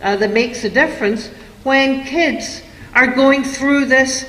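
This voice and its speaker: Woman speaker, lively lecture to a room of parents, big echoing hall. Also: high voice, takes it slowly. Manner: lively, acts out parents and kids in quotes. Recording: echoey hall, long reverb.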